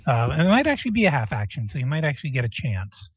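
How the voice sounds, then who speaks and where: A man running a tabletop game as game master, explaining rules and pausing to look them up. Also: mid-range voice, sing-song, breathy edge, no echo, dull audio. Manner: explains rules while looking them up, many pauses.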